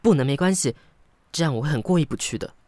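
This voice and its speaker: In a Taiwanese Mandarin radio drama, a male actor plays a polite, sentimental young man who is flustered and apologetic, delivering inner monologue expressively with sighs and hesitant interjections. His voice is a little high and quick, close to an everyday voice, recorded in a studio over background music.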